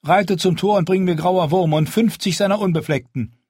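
A man voicing a young, proud and stubborn queen in an audiobook, speaking firmly with a raised pitch. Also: normal speed, a little mellow, breathy edge, no room sound, clean studio sound. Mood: resolute. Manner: raised pitch, firm commanding delivery. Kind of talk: audiobook character voice.

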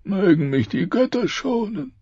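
A man voicing a dying, wounded king who speaks in a strained, pained way with loud outbursts. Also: sits high, sing-song, measured pace, slightly rough, no room sound, highs cut off, pitched above the performer's own voice, exaggerated voice. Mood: pained, bitter. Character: dying wounded male king, gruff and bitter. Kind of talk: audiobook character voice.

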